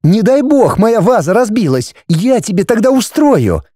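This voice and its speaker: A scornful, high-handed noblewoman, put on by a man reading a story. Her voice sits high and shrill and swings widely, with a dismissive, indignant edge. The recording is dry and close. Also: very animated, moderate pace, warm tone, no echo. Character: haughty scornful aristocratic wife and mother.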